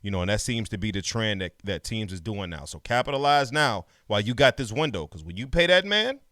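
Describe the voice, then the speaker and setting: A man's voice: fairly low pitch, very animated, fairly quick, a bit bright, no room sound, clean studio sound. A man co-hosting a sports podcast in casual chat, rattling off lists of players and making emphatic points. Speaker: podcast co-host.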